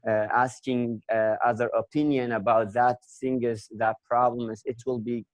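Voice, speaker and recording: A man taking part in a casual conversation, speaking haltingly and searching for words. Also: medium pitch, flat delivery, no room sound. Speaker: participant.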